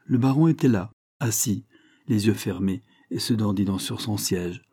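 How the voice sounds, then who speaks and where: A man reading a story aloud as an audiobook narrator, in a steady, measured style. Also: lowish voice, slightly rough, dry recording, clean studio sound. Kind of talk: scripted narration.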